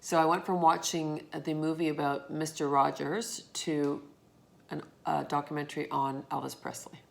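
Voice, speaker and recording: A woman's voice: low voice, level tone, moderate pace, creaky. A woman talking candidly in a casual late-night vlog, reflective and tired after a long day, swearing now and then. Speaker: vlogger.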